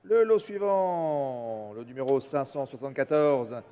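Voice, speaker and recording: A man's voice: medium pitch, animated, moderate pace, dark tone, clean tone. A man announcing lots and calling bids formally as an auctioneer in a saleroom. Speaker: French-language co-auctioneer. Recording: reverberant large hall.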